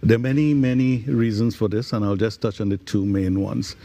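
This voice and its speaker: A man answering as an interview guest, explaining things deliberately and often feeling for his words. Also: lowish voice, mellow. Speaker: guest, digital transformation advisor.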